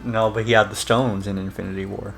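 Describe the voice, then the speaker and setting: A man's voice: on the low side, little pitch movement, fairly quick, creaky, fairly bright tone, soft background music. A man co-hosting a casual video game stream, joking around and playfully arguing. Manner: jokey, playfully argumentative. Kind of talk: casual gaming stream banter.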